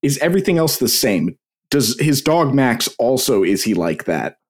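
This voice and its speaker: A man's voice: mid-range voice, big pitch swings, normal speed, breathy edge. A man co-hosting a podcast, chatting casually and laughing often. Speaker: podcast co-host. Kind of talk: casual comedic chat.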